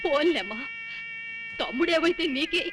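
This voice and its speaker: A woman's voice: high voice, expressive, normal speed, music in the background. Fretful, sickly old mother. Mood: pleading. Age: older. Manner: plaintive, complaining, pleading. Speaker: ailing mother. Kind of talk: film dialogue.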